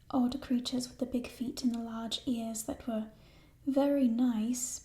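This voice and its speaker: A woman in an ASMR role-play as a playful, chatty thief, musing hesitantly in a burglar's hushed soft voice over stolen treasure. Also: a little high. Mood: quiet, absorbed. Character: playful, chatty female thief showing off stolen coins in a fantasy world.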